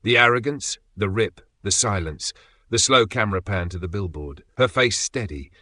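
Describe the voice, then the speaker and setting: A man narrating a dramatic story in a steady, measured way with pauses for effect. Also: fairly low pitch, no room sound.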